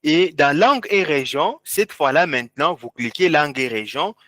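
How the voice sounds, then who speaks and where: A man with a fairly high, lively voice teaches a live online class at a moderate pace, his tone fairly bright and the studio sound clean with no echo. As an instructor, he walks students step by step through on-screen settings, pointing at the screen and repeating key words.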